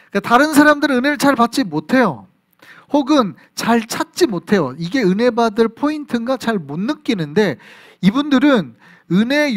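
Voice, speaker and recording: A man from South Korea, a pastor preaching an animated sermon at a Friday prayer service in church. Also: sits high. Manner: animated preaching, acts out voices and reactions. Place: church sanctuary.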